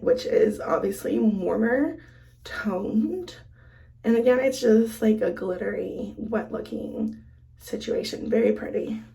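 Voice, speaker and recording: Here a woman vlogger with a fading voice from illness does her makeup while chatting, thinking aloud at each step of a casual get-ready-with-me. The voice is slightly high, creaky and warm, caught on a rough recording.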